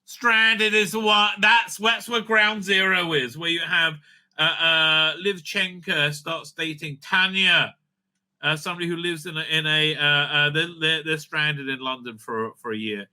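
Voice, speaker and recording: Pitched on the high side, this man's pushed, bright voice stays fairly even in intonation and unhurried. He hosts a fan review show, ranting casually and bluntly with lots of swearing and exasperation, often tagging his points with "right?" as a question.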